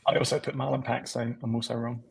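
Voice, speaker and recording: A man in a casual podcast chat, tossing off quick remarks. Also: medium pitch, little pitch movement, gravelly, a little hiss or hum. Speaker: podcast co-host.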